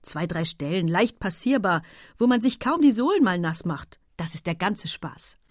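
A woman's voice: lowish voice, animated, normal speed, no echo, studio quality. A woman reading aloud, voicing an ardent young man who talks eagerly and persuasively in a storybook.

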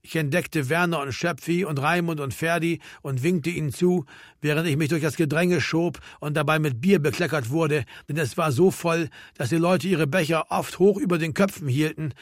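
A man's voice: a little high, dry recording. Man reading a novel aloud, dry sound. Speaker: reader. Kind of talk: scripted narration of a novel.

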